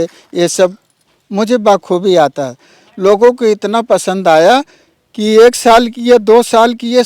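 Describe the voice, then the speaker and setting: A man's voice: high-pitched, a little mellow, clean tone, no room sound. A man telling his own story earnestly, often addressing the interviewer as sir. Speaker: interviewee, village YouTuber. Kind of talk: emotional personal account.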